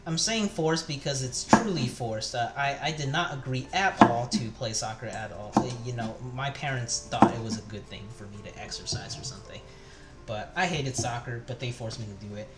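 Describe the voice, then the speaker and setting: A young cooking streamer from Taiwan talks off the cuff as he cooks in his home kitchen, wandering between thoughts with many fillers and restarts. His pitch is medium and his speed normal. Music and chopping sounds fill the echoey room.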